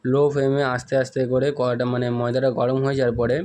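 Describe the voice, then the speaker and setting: A man with a hoarse, husky voice chats casually as he shows viewers a home recipe step by step and keeps apologizing for steps he skipped. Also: medium pitch, little pitch movement, fast, darkish tone. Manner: chatty, rambling, often apologizes for skipped steps. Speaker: home cooking channel host. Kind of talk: casual cooking demonstration.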